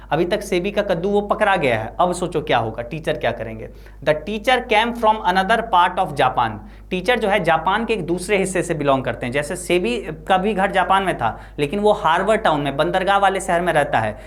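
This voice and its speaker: Woman teacher with a lowish voice, explaining English text line by line. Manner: reads English lines slowly, then explains in Hindi with frequent tag questions.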